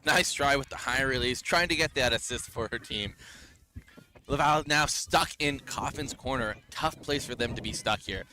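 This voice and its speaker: A man's voice: medium pitch, moderate pace, sharp tone. A man giving casual, chatty color commentary outdoors, with a self-deprecating manner. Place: outdoors at a windy field. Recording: light wind noise.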